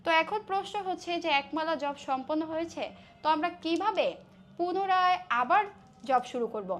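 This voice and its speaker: A woman with a Bengali accent explaining devotional chanting step by step, slowly and melodiously intoning the mantras in between. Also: extremely high pitch, fairly bright tone. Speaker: devotional instructor.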